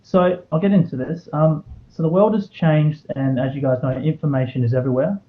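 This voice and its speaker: Muffled lo-fi recording, Australian man in his twenties, fairly high voice, earnest public speech, storytelling delivery. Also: brisk. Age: 20s. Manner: earnest, storytelling, rhetorical questions. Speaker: student award recipient giving a speech. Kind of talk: prepared motivational personal speech. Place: live speech to an audience.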